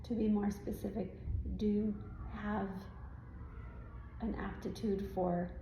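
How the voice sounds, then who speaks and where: Slow and warm, a woman's mid-range voice keeps a level tone as she acts as a trance medium at an indoor live event. Voicing a serene spirit guide, she gives instructive spiritual answers to the audience in stilted formal language with frequent questioning tags. The sound is dull, roomy and faintly noisy.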